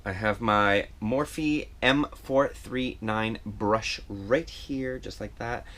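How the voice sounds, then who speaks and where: A man's voice: on the low side, slow pace, a bit bright. Man, casual makeup vlog, chatty, self-deprecating, rambling, home action-camera sound. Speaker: makeup vlogger. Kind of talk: casual makeup tutorial chat.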